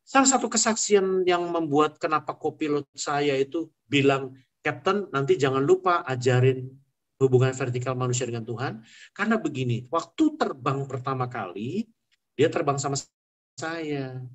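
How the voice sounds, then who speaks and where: A man's voice: on the high side, animated, moderate pace. A man, an airline pilot telling his faith testimony in an earnest, conversational way, slipping in English phrases.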